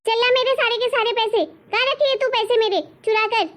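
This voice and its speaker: Playing a cruel, insulting mother-in-law for a cartoon, this woman sounds a bit bright and speaks a little fast with a steady tone. Her scolding comes out shrill and full of insults.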